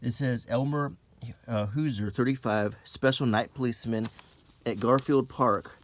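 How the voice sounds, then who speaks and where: A man reads an old printed text aloud ASMR-style, keeping it unhurried and low-key while dropping in casual offhand asides.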